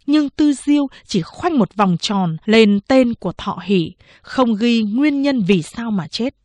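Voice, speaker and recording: A woman reading a novel aloud as an audiobook narrator, measured and steady. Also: medium pitch, no room sound.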